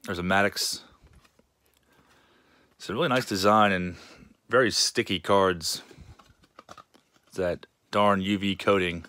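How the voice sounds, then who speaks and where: A man casually narrating a show-and-tell of his card collection, relaxed and rambling with many fillers. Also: sits low, slow pace, pauses often, no echo.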